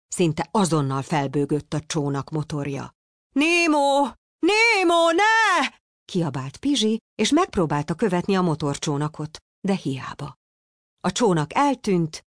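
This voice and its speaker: A woman reads a children's storybook aloud in a low, slightly gravelly voice. Her intonation swings widely, and the recording is close and dry. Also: no room sound. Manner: expressive, animated storytelling. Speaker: narrator.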